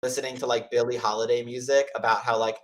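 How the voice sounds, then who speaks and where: A man hosting a chat, telling stories casually and rambling, with many "like" fillers and restarts, and acting out quoted voices. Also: fast talker. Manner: rambling, heavy use of "like" and restarts; acts out quoted voices with lively pitch jumps. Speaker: host of office hours.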